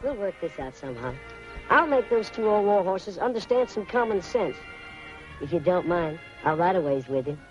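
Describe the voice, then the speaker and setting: An actor playing an earnest, stubborn young cowboy son in a 1930s western film. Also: male voice, high-pitched, very animated, moderate pace. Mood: resolved. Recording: muffled old 1930s film soundtrack, music behind.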